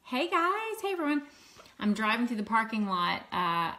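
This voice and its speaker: Her voice is on the high side and sharp in tone, with big pitch swings at a normal speed. A Louisiana woman in her fifties with a mild Southern accent, she hosts a casual makeup-selling livestream from a table at home. She greets viewers and laughs easily, close up to her phone camera.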